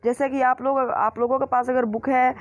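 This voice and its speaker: A YouTube channel host with a very high voice and little pitch movement speaks at a moderate pace in a lo-fi recording with no echo. Casually recommending school books, he repeats and qualifies his points and hesitates often.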